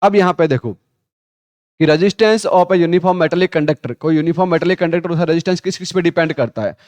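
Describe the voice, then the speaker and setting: A male physics teacher running a Hindi class lecture, quizzing students with repeated questions, calling them 'beta', and reading textbook lines slowly. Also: a little high, a little mellow, dry recording. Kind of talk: classroom lecture with call-and-response drills.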